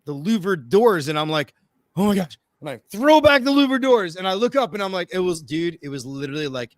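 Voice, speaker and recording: A man tells a story in a loose, chatty way, slipping into voices and tripping over restarts. His pitch swings widely and sits a little high for a man. The recording is close and dry, with almost no room sound. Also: a little fast, no room sound. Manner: animated, acts out voices, many fillers and restarts. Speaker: podcast guest telling a story. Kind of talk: casual storytelling.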